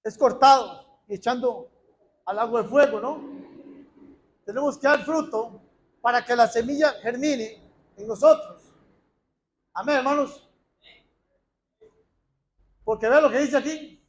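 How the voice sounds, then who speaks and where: Man, lay preacher, church sermon, very high voice, fervent, repeats himself. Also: a little hiss or hum. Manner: fervent and repetitive, reads scripture slowly.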